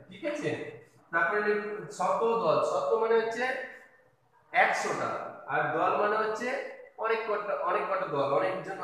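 A man's voice: high voice, pushed and bright. A man teaching a kindergarten video lesson, patiently spelling out letters and words one by one. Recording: echoey room from a distance.

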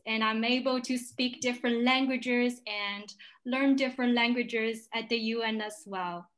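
A woman's voice: fairly high pitch, fairly bright tone. A young woman from China, a tour guide, cheerfully introducing herself on a video call. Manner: cheerful, measured self-introduction. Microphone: laptop video call.

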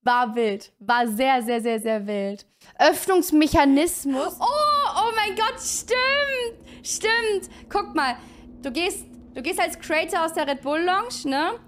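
A woman streamer doing excitable, slangy livestream reaction commentary. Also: high voice, a little hiss or hum.

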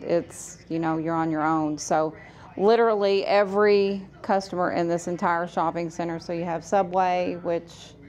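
A woman's voice: fairly low pitch, a little mellow. A woman who owns a laundromat, talking casually and explaining things step by step on a vlog, speaking from inside one of her laundromats. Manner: chatty, explains step by step to the camera. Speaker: laundromat owner.

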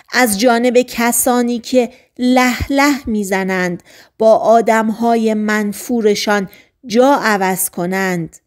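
Narrating an audiobook novel, a woman with a fairly high pitch keeps her voice soft and hushed, frequently dropping to a half-whisper. She phrases things slowly and deliberately.

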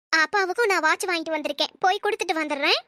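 A woman plays a sweet, generous young cartoon woman with a very high, bright voice. She speaks eagerly and affectionately, close to a dry mic. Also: fast, dry recording. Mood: cheerful. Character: kind, generous young woman, devoted to her family. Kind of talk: Tamil cartoon voice acting.

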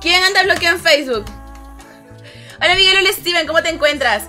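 Young woman streaming games, high bright voice, chatty, keeps dropping to a low drawn-out "hermano", bit strained, music under it. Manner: chatty, greets viewers one by one and reads out comments. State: voice strained, rough. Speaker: live-streaming gamer. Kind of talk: casual live-stream chat.

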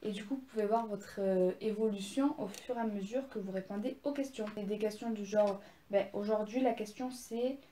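A woman's voice: medium pitch, normal speed, mellow, reverberant, slight background noise. A young woman casually showing her presents, chatty and gushing, with many fillers and restarts. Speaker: vlogger. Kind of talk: casual haul video.

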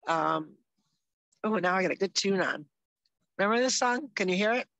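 A woman's voice: medium pitch, animated, normal speed, creaky, a bit bright, dry recording, lo-fi sound. Woman co-host, chatty and upbeat, casual chat, dry close sound. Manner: chatty, upbeat, loses her train of thought. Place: outdoors in the mountains.

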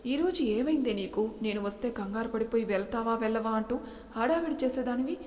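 A woman's voice: on the high side, animated, fairly quick, a little mellow, in a large hall, natural voice. A woman voicing a young man, affectionate and teasing with his fiancée, read aloud in a story. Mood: fond teasing. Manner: teasing, fond.

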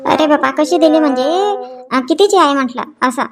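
A woman's voice: high-pitched, normal speed, soft background music. A woman playing a mother in a comedy sketch, haggling over prices with a sarcastic, scolding edge. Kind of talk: comic sketch acting.

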